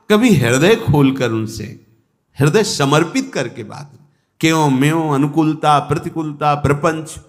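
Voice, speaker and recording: A man who is a spiritual teacher gives an earnest, pleading devotional discourse with emphatic rises. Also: mid-range voice.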